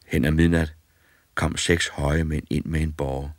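A man narrating a fairy tale audiobook in a calm, measured storytelling manner. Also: a bass voice, no room sound, clean studio sound.

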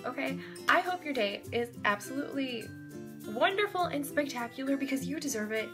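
Woman, high voice, giggly, flustered gushing, music behind. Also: lively intonation, a little fast. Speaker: fan. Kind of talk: fan birthday message.

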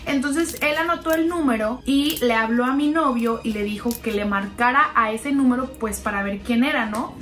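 A young woman with a fairly high, slightly bright voice narrates a gossip story over a slime video at a moderate pace with few pauses. Chatty and confiding, as if talking to a close friend, she keeps calling the listener "sister".

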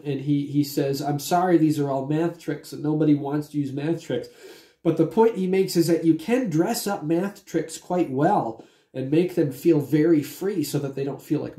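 With a lozenge in his mouth and a cold he's still shaking off, a man in his forties, a magician, explains his technique in casual vlog talk. His voice is on the high side with a dark tone, and the timber-framed dining room at home adds a roomy echo.

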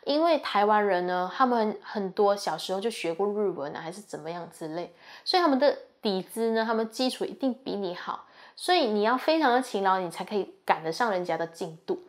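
A woman's voice: medium pitch, lively intonation, brisk. Chatty young woman giving advice. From Malaysia. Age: young adult. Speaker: university student sharing experience. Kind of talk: casual advice talk.

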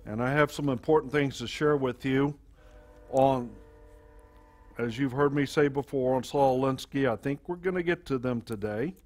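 A man preaching a sermon to his congregation into a pulpit microphone, in a halting delivery full of fillers and restarts. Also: medium pitch. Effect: speaking into a pulpit microphone. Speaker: pastor.

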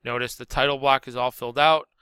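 Man, teacher, screen-recorded software lesson, very clear voice, dry close sound, step-by-step with self-corrections. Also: medium pitch, steady tone, fast talker, no room sound.

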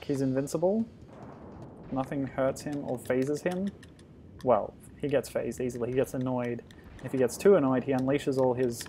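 A man casually commenting on a retro game as he plays, thinking aloud with sudden loud exclamations. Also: mid-range voice, slight background noise. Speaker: streamer.

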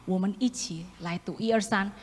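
A woman preaching a sermon, animated, acting out voices and dropping into whispered asides. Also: medium pitch, brisk, over a noisy crowd. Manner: animated, acts out voices of the prophet with sudden loud and whispered asides. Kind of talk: sermon with congregation reading along. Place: church hall. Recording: echoey church hall, faint room noise.

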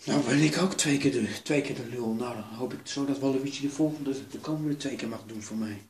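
A man's voice: medium pitch, brisk. Jumpy swearing man, noisy recording. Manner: jumpy, swears a lot, talks himself calm. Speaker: gamer doing a role-play. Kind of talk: excited role-play commentary.

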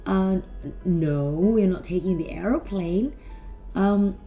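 A middle-aged woman talking to children like a kids show host, animated, with simple questions and drawn-out words. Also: mid-range voice, faint music behind. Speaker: children's presenter at a school Christmas service.

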